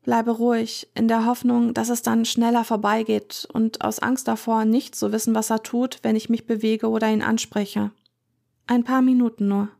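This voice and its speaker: A woman narrating a first-person story in a measured, tense way. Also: fairly high pitch, flat delivery, creaky, warm tone. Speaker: audiobook narrator.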